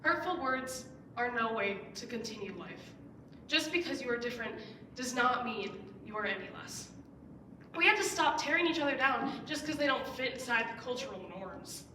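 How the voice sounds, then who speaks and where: This earnest persuasive speech comes from a late-teen student on a school stage, in a fairly high, expressive, pushed and bright voice at a moderate pace. She emphasizes key words by pushing them upward. The distant, roomy recording carries a little hiss or hum.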